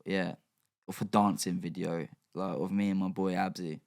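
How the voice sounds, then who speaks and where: A man's voice: low voice, fairly even intonation, moderate pace, creaky, a little mellow. A young man, chatting casually as a podcast guest, slangy and rambling with lots of fillers. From England. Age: young adult. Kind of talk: casual chat.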